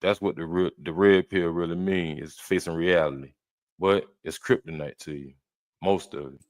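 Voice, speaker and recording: A man with a low, deep voice runs a reaction show. He argues back at each clip in a blunt, heated tone. The sound is dry and close. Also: steady tone, normal speed, no echo. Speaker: reaction host. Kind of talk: reaction commentary.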